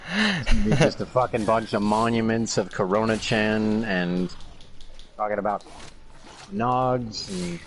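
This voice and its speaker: A man's voice: fairly low pitch, measured pace, long pauses, a little hiss or hum, poor audio. A man co-hosting a podcast in casual chat, rambling in a sardonic way and swearing casually. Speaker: podcast co-host.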